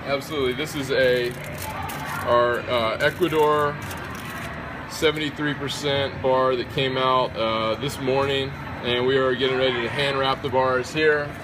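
American man explaining chocolate making. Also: medium pitch. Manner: relaxed, explanatory, with frequent "uh" pauses. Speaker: chocolate maker, co-founder. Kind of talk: guided tour explanation. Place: small chocolate shop workroom, indoors. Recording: loud air-conditioning hum.

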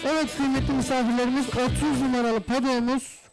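High-voiced male livestock auctioneer. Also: flat delivery, quick pace, gravelly, music in the background, poor audio. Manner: formal, courteous address to guests. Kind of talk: live auctioneer calling bids, repetitive price chant.

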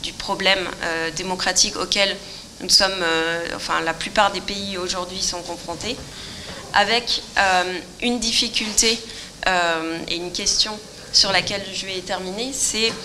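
A woman in her thirties giving a conference talk, thinking aloud with hesitant pauses. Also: medium pitch, bright, forceful tone, poor audio. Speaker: conference speaker, researcher. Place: large conference auditorium. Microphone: podium microphone. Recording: faint noise in auditorium.

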